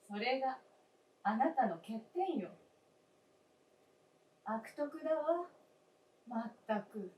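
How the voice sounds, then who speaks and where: Fairly high-pitched and lively in intonation, a woman voices the spirit of a dead wife in a radio play. The character is gentle and wistful, with courteous, old-fashioned speech and careful phrasing, though this moment is frank and reproving. The mic is distant on a roomy stage, with faint noise.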